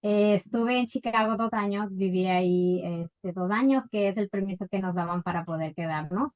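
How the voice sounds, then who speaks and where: A woman from Ecuador telling her life story as an interview guest, unhurried and full of fillers. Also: mid-range voice, dull audio. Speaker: guest entrepreneur. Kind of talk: casual interview.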